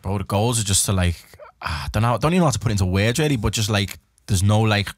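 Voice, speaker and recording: Young Scouse R&B singer, rambly podcast guest, quick talker, lowish voice. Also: male voice, lively intonation, dry recording, studio quality. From Liverpool, England. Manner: rambling, thinks aloud with many fillers. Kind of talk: casual podcast chat.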